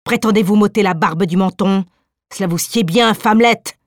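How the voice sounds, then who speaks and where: A woman's voice: mid-range voice, moderate pace, no echo, clean studio sound, close to an everyday voice. A woman reading the part of a domineering, scornful husband in an audiobook. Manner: blustering, insulting.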